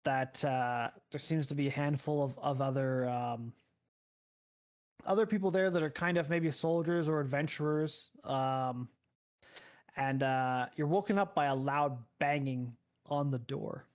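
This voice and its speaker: A man's voice: medium pitch, measured pace. A man running a tabletop game as game master, narrating loosely with many fillers. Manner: rambling, full of fillers and restarts. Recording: dull lo-fi audio.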